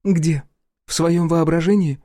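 A man voicing an exasperated, sharp-tongued divorced mother in an audiobook, talking in a raised, indignant, sarcastic way. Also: a little high, big pitch swings, a little slow, no echo, clean studio sound, voice pushed up. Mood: scathing. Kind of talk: audiobook character voice.

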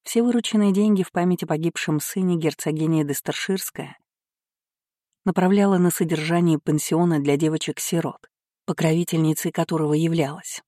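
An audiobook narrator reading a period novel in an even, measured way. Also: mid-range voice, no echo, studio quality. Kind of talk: scripted narration.

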